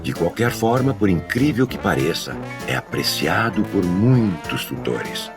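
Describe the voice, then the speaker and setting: A man working as a dog trainer, giving a measured, scripted educational narration. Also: deep voice, big pitch swings, over loud music. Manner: measured, explanatory delivery.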